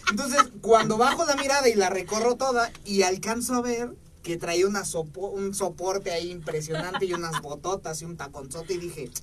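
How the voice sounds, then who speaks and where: A man's voice: sits high, moderate pace, few pauses, fairly bright tone, far from the mic, slight background noise. A man with a Mexican Spanish accent, a guest telling a story in a casual interview with jokes and slang. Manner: joking, slangy, acts out his own past lines.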